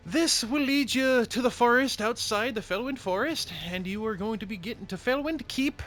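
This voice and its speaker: A man's voice: extremely high pitch, normal speed, a bit bright, soft background music, pitched above the performer's own voice. A man voicing a cheery, motherly little dwarf woman apothecary in a tabletop game. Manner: sing-song, calls people honey.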